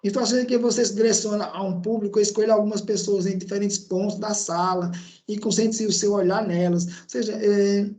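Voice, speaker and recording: A man's voice: sits high, steady tone, a little fast, mellow. A man with a Brazilian accent giving an online lecture as an instructor. He talks in a conversational way, with frequent tag questions and hesitations. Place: indoor room at a laptop. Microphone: laptop microphone.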